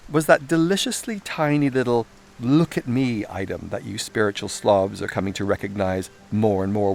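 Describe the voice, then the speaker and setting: There's vocal fry in this man's fairly low voice as he reads his own irreverent self-help audiobook. His style is cheeky, theatrical, and conversational, with sweary asides now and then. He's heard over composed music and a soundscape.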